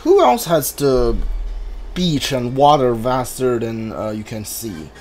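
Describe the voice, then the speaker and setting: In a mid-range, darkish voice with a sing-song quality, a man slowly mutters casual thoughts while streaming a blind playthrough of a video game. Game music plays in the background, and a slight hiss or hum is audible.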